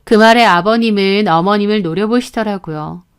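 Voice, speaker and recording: A woman's voice: mid-range voice, moderate pace, clean tone. Indignant woman narrating a family feud. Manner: indignant, complaining. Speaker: narrator, daughter-in-law. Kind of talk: storytelling narration with acted dialogue.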